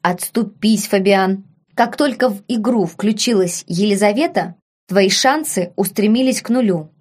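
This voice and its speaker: A cold, patronizing older uncle lecturing quietly in a flat, superior tone, as a woman reader puts him on. It is an audiobook reading with measured delivery. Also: medium pitch, lightly acted.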